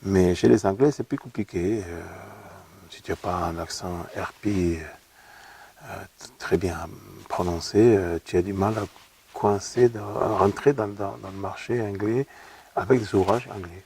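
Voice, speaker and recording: Recorded on a far-off microphone with a faint hiss or hum, this deep, warm voice belongs to a middle-aged opera singer from Argentina. He speaks a little slowly in Argentine-accented Spanish. As a guest in a casual interview, he's reflective and tends to repeat words while searching for them.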